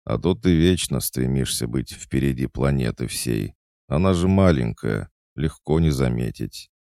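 A man's voice: rumbling low, expressive, measured pace, vocal fry, dry recording, clean studio sound, full character voice. A man reading the part of a teasing teenage boy in an audiobook. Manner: gently teasing.

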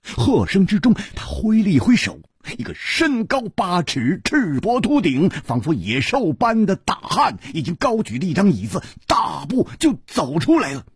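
A man's voice: high voice, wildly swooping pitch, normal speed, hardly any pauses, breathy edge, no echo, clean studio sound. A male storyteller giving a theatrical narration of a wuxia audiobook. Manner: theatrical, with sweeping rises and falls.

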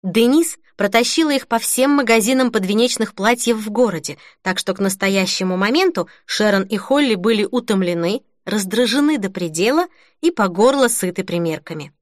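Brief: woman narrator, expressive storyteller, animated pitch, dry studio read. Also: normal speed, dry recording. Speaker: audiobook narrator. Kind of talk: scripted narration.

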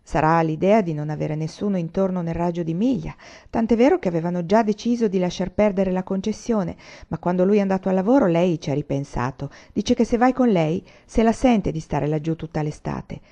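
A woman voicing a kind, practical pioneer mother who talks in a calm, gently worried way. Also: lowish voice, fairly quick, creaky, hardly any pauses. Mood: concerned. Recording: muffled lo-fi recording.

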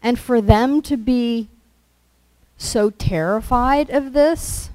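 A woman preaching a sermon, telling the story in a slow, conversational way and acting out quoted lines. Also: fairly high pitch, mellow, no echo, rough recording.

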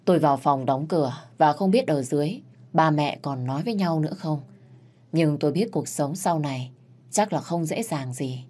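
A woman narrating a family drama in the first person, calm and quiet. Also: low voice, moderate pace. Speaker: storyteller.

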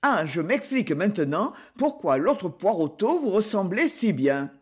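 A proud, hot-tempered chevalier barks orders in a lively, animated voice, as a male reader puts him on. His manner is commanding and menacing, a swashbuckling hero of an old storybook adventure. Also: high voice, a little slow, husky, heavily acted. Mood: curious.

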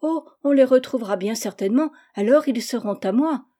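A woman's voice: high-pitched, animated, quick pace, darkish tone, pitched above the performer's own voice. A woman reading a storybook voices a spoiled, greedy little girl who pleads eagerly.

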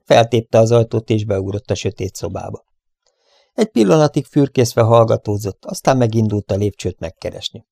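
Gravelly low-voiced man narrating. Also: animated, mellow, no room sound, studio quality. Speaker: audiobook narrator. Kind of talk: scripted adventure narration.

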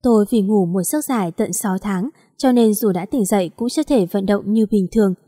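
A woman reading a story aloud in a steady, even narration. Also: mid-range voice, brisk, no room sound, studio quality.

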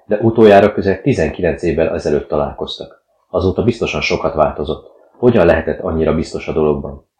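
Pushy young newsman asking hard questions in a storybook, read by a deep-voiced man. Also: a little mellow, slight background noise. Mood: pressing. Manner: pressing, insistent questions. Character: insistent young male journalist. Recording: dull, roomy recording.

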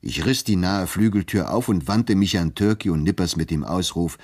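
A man narrating a literary reading of a novella in a measured, expressive, wry way. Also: low voice, slightly rough.

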